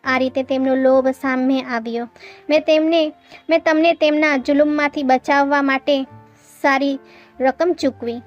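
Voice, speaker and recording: A woman voicing a young man, a calm police officer in disguise, in a read-aloud story, explaining himself steadily. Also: high-pitched, unhurried, highs cut off, soft background music.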